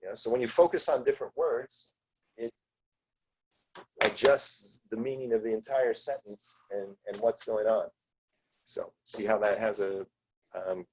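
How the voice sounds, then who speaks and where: A man's voice: lowish voice, a little hiss or hum, poor audio. A man teaching a casual book discussion class, talking loosely with many ums and restarts.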